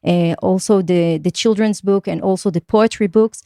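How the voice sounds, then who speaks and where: A woman's voice: medium pitch, fairly even intonation, normal speed, dark tone, dry recording, clean studio sound. A woman from Israel, a podcast guest speaking earnestly and reflectively in long, flowing thoughts. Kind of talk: conversational podcast interview.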